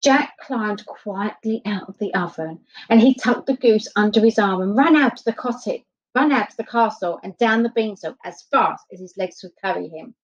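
Brief: woman storyteller, mid pitch, expressive bedtime reading, lo-fi muffled sound. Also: normal speed, hardly any pauses. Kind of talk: reading a children's story aloud. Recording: dull lo-fi recording.

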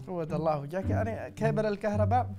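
A man playing a blustering, middle-aged father who curses quickly and talks loudly in exasperation, in a comedy sketch. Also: high-pitched, lightly acted. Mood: scolding. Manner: loud, exasperated, rapid cursing. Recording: music playing behind the voice.

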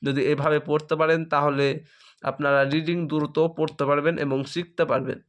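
A man teaching Quran reading, spelling each syllable aloud and then joining them, with drawn-out chanting of verses. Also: on the high side, little pitch movement, a bit bright, smooth. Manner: drawn-out melodic recitation of verses. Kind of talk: slow letter-by-letter Quran spelling lesson.

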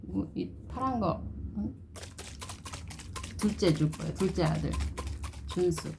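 Slow-talking woman, doting baby talk. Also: lowish voice, expressive, background noise. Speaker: vlogger. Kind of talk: casual doll-play vlog.

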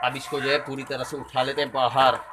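A man's voice: medium pitch, level tone, brisk. Chatty man explaining a repair in a noisy workshop. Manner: chatty, explains step by step while working. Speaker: repair channel host. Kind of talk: casual how-to repair narration. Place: small cluttered repair workshop, indoors.

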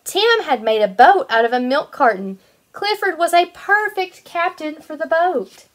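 A kindergarten teacher in her twenties reads a picture book aloud to young children, animated and sing-song. Her voice is high-pitched and she reads a little slowly.

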